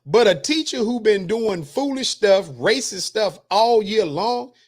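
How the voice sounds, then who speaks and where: High-pitched man ranting on a livestream. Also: a bit bright. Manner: wry, preachy, jokes and laughs between points, reads comments aloud. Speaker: host. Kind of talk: casual commentary reading news and chat comments.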